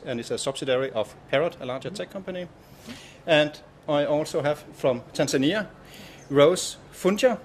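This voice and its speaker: A man's voice: medium pitch, slight background noise. A man moderating a live-streamed panel at a conference stand, speaking in a welcoming way with frequent hesitations.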